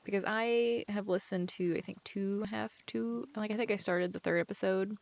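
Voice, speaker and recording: A chatty woman talks her way through a relaxed gameplay session, her voice carrying a gravelly, fry-tinged edge. She wanders from topic to topic, fills her sentences with "like," and now and then sinks to a near-whisper. Her pitch sits right in the middle of a woman's range. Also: normal speed. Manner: rambling, chatty, heavy use of "like". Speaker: author playing a farming game. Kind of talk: casual gameplay chat.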